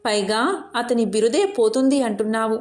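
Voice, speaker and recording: A woman voicing a wise old male sage in a devotional storybook tale, speaking gently and asking questions. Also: on the high side, lively intonation, moderate pace, close to an everyday voice. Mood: cautioning. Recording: roomy echo.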